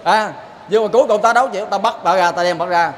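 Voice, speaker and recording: With a high voice and a folksy, storytelling style, a Southern Vietnamese Buddhist lay preacher delivers his sermon. Quick rhetorical questions to the listeners come often, and a faint noise hums in the background.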